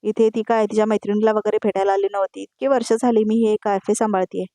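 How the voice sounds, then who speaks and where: A woman's voice: mid-range voice, steady tone, fast talker, mellow, dry recording, natural voice. A woman voicing a bossy middle-aged friend who scolds and advises. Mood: scolding.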